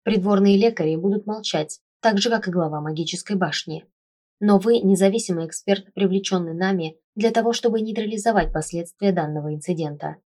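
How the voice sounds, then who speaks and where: A woman reading a first-person fantasy audiobook in a wry, expressive way. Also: mid-range voice, a little fast. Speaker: audiobook narrator.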